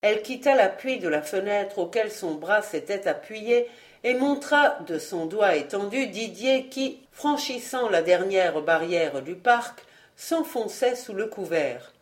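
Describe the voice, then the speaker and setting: Woman narrating a classic novel. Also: medium pitch. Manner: measured, expressive reading. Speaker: audiobook reader. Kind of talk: literary audiobook narration.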